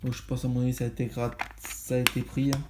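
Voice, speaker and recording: A man's voice: medium pitch, completely flat delivery, quick pace, noisy background. Rambling man reviewing games. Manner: rambling, many fillers and restarts. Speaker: video game collector vlogger. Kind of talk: casual haul review.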